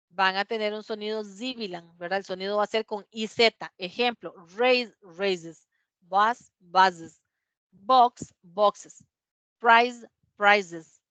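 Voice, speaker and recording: Woman teacher, patient and slow, models each word twice, dry close sound, muffled lo-fi audio. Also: mid-range voice, a bit bright, dry recording. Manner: patient, repeats words slowly to model pronunciation. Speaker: English teacher. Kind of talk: remote class explanation.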